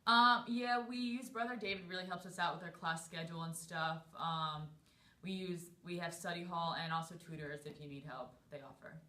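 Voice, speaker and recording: A woman's voice: on the low side, steady tone, moderate pace, sharp tone. A young adult woman giving casual interview answers as a student athlete. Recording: echoey room.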